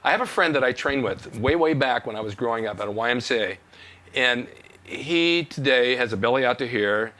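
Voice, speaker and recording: A man's voice: medium pitch, lively intonation, brisk, sharp tone. An older man hosting a fitness talk show, telling folksy stories and giving motivational tips. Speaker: host. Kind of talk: casual chat.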